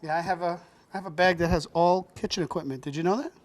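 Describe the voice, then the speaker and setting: A man's voice: on the high side, steady tone, fast talker. A man hosting a cooking show, teaching a child with playful jokes and frequent laughs. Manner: joking, laughs often, talks to a child as "buddy". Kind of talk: teaching kids to cook, playful banter.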